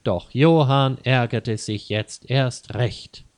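A man narrating a scripted story slowly and carefully, clearly spaced, for language learners. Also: medium pitch, no echo.

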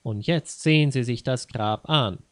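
A man's voice: medium pitch, unhurried, a bit bright, dry recording, close to an everyday voice. A man voicing a furious middle-aged widow who screams insults and scorns her rival. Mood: indignant. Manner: shrieking insults, scornful and self-righteous.

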